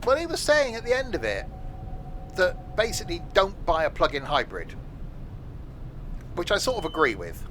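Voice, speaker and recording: A man's voice: sits high, wildly swooping pitch, moderate pace, long pauses, a bit bright, slight background noise. An English man giving casual, rambling, jokey live commentary while streaming a train simulator, with train game sounds behind him.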